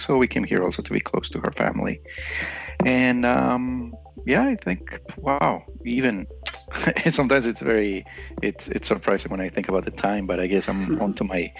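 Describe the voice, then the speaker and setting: A man from Ecuador talks as a podcast guest in a low, gravelly voice. He speaks hesitantly and restarts his sentences often. The sound is dull and lo-fi, with faint music behind him. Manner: hesitant, many restarts and fillers. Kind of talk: casual interview conversation.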